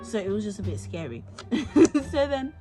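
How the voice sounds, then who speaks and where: A young woman telling a personal story to camera in a casual, animated way, acting out what people said. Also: mid-range voice, moderate pace, over loud music. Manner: animated, swearing, acts out quotes. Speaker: vlogger.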